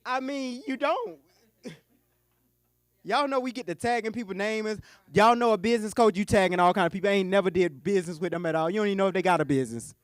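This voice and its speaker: A man's voice: high-pitched, fast, no room sound. A man who coaches businesses, giving a live keynote talk at a conference lunch. He jokes and talks straight to the audience.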